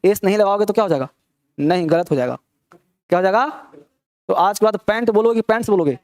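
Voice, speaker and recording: A man's voice: high voice, quick pace, a little mellow, no room sound, studio quality. A man teaching an English grammar class, teasing and scolding his students as he quizzes them with rhetorical questions. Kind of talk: classroom lecture.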